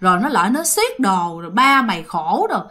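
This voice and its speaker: A woman's voice: sing-song, a little fast, bright, forceful tone. A woman voicing a desperate middle-aged mother who shrieks threats in a Southern Vietnamese accent. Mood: shrill threatening. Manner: shrill, wailing, threatening.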